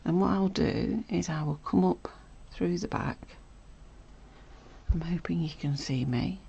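A woman hosting a casual stitching tutorial, chatty and self-correcting, often dropping to a soft murmur as she works. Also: on the low side, a little slow, gravelly, slightly rough, muffled recording. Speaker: sewing tutorial host.

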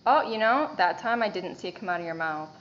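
A woman's voice: lowish voice, expressive, fairly quick, dull audio, a little hiss or hum. A woman hosting a video, chatting casually through a face mask. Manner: chatty, loose, many "like"s. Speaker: vlogger hosting a mask test. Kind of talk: casual chat.

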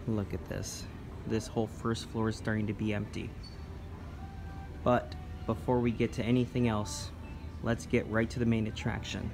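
Guy filming an elevator on his phone, lowish voice, loud store music behind him. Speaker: elevator video vlogger. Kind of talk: handheld walkthrough narration. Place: large indoor department store and elevator. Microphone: phone camera held in hand.

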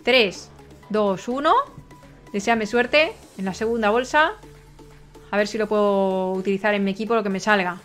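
A young woman from Spain with a Spanish accent, giving chatty gameplay commentary straight to her viewers and breaking into excited shrieks. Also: medium pitch, moderate pace, pauses often, soft background music. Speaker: gaming streamer.

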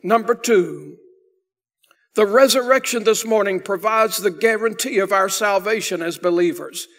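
Preaching in a church sanctuary, an older man stands at the pulpit and speaks at a moderate pace in a voice that sits high. He is an emphatic pastor, pushing hard on important phrases as his volume swells.

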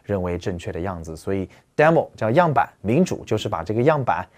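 An animated male teacher explaining English words in a lecture, his pitch rising and falling widely. He keeps asking the listeners questions and says the key terms over and over. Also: fairly quick.

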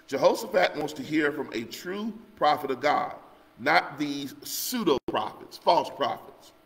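A man's voice: fairly high pitch, animated, a little slow, creaky, fairly bright tone. Man teaching Bible class, echoing hall. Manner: explanatory, often checks in with "okay?". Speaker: Sunday school teacher. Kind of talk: Bible lesson with scripture reading. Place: church.

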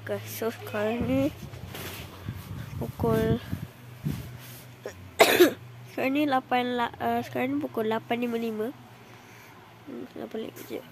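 A woman's voice: on the high side, fairly even intonation, measured pace, vocal fry, pauses often, background noise. A young woman with a Malaysian Malay accent, chatting casually in a camping vlog, rambling with fillers, recorded on a phone held close outdoors. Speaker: vlogger. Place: outdoor campsite among trees. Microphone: phone held close at arm's length.

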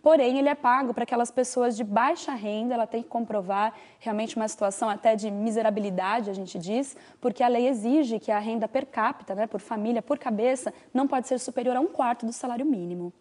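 A woman's voice: on the high side, fairly quick, hardly any pauses, darkish tone. A woman explains social security law. She speaks as a patient legal adviser on a TV call-in segment and fills her sentences with small "né" and "é" tags. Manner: explanatory, patient, with frequent "né" and "é" fillers. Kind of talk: TV call-in advice answers.

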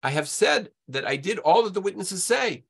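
A man's voice: on the high side, sing-song, moderate pace, vocal fry, fairly bright tone, husky, full character voice. A man reading aloud the pleas of a tortured woman, his voice raised and strained as he begs for mercy. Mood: desperate. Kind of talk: dramatic reading of a historical record.

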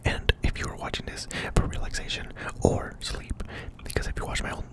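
Whispering young man, tingly ASMR role-play. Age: young adult. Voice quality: breathy, unvoiced whisper. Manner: playful, halting, repeating phrases. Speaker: ASMR video host. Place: small home studio room. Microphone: close desk microphone at the lips.

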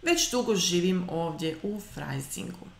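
Her lowish, gravelly voice has lively intonation as this woman in her thirties teaches German online via webcam. She delivers example sentences slowly and carefully, with quick asides in between to explain. The room is echoey, and there's a little hiss or hum.

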